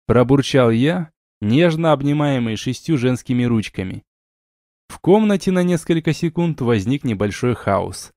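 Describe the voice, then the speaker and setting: A man narrates a first-person fantasy audiobook, his voice sitting at an ordinary middle pitch. He reads in a lively, ironic way. The studio sound is close and completely dry. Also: normal speed, no echo.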